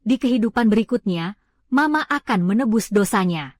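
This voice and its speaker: A woman voicing a gentle, despairing young mother. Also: medium pitch, animated, moderate pace, no echo, studio quality, natural voice. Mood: tender. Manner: soft and tender. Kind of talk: dubbed drama acting.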